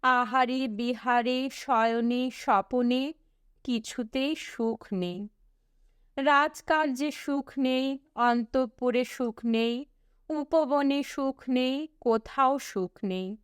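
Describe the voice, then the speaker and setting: This woman narrates a storybook like an audiobook reader, pausing deliberately between phrases in an expressive, measured way. Her high-pitched voice is clean, and the studio-quality recording has no echo.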